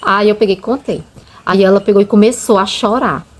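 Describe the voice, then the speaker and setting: Speaking at medium pitch and a little fast, a Brazilian woman with a Brazilian Portuguese accent tells viewers her faith testimony. She has children of her own, hosts the channel, and narrates casually with emotion and earnestness, often saying "gente."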